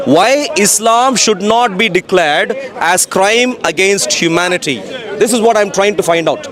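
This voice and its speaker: A man's voice: high-pitched, lively intonation, unhurried. A man working as a street preacher, insistently reciting and arguing over scripture in public, repeating his phrases. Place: outdoors in a busy urban public spot. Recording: busy outdoor crowd noise.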